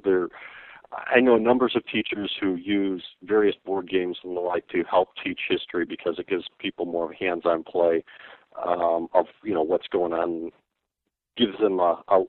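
A man co-hosting a podcast over the phone, talking in a halting, thoughtful way with many fillers. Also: deep voice, no room sound. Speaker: podcast co-host. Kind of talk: casual chat. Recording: tinny phone line.

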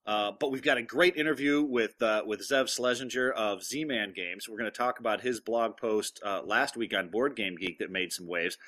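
A man hosting a casual podcast with halting delivery, sounding inside a fishbowl through a headset earpiece in a large room. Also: fairly low pitch, sharp tone. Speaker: podcast host. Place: large echoey room, travelling. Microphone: portable headset earpiece.

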